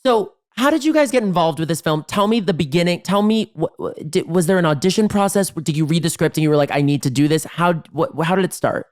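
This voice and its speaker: A man's voice: high voice, animated, quick pace, few pauses. A man from Los Angeles hosting a casual interview over a video call, talking in a chatty, jokey, rambling way. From Los Angeles, United States. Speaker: host.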